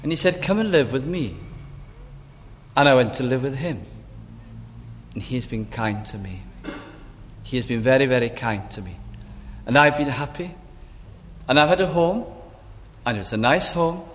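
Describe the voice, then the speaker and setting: A man preaching a sermon, telling a personal story slowly and deliberately. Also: mid-range voice, a bit bright, a little hiss or hum. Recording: long hall reverb.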